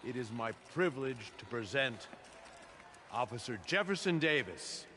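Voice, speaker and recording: A man's voice: mid-range voice, animated, normal speed, pushed and bright, slight background noise. A man playing a brusque, self-important mayor in a video game. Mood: formal, ceremonial. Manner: formal in speeches, curt and dismissive otherwise.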